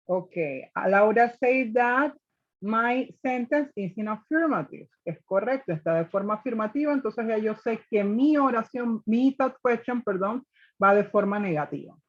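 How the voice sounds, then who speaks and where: Woman, English teacher, slightly high voice, patient step-by-step explainer, dull lo-fi call audio. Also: measured pace. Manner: patient, step by step, often checking with "ok?". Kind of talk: online class explaining grammar, mixing Spanish and English. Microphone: video call.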